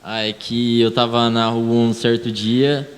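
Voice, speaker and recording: A man's voice: mid-range voice, level tone, a little slow. A young man from Brazil with a São Paulo accent, telling a personal story casually with many fillers at a church youth meeting. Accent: São Paulo Portuguese. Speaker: youth group member. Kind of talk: casual testimony. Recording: reverberant church hall.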